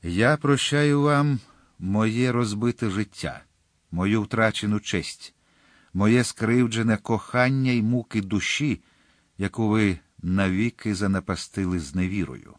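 A man's voice: on the low side, dry recording, clean studio sound, close to an everyday voice. Athos, a man voicing a grave weary nobleman. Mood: solemn. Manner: slow, solemn, measured delivery.

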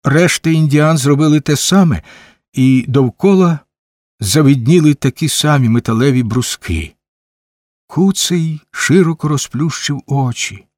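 A man reading a novel aloud as a measured audiobook narrator. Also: on the high side, a little mellow, no echo, studio quality. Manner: measured, unhurried storytelling. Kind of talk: scripted narration.

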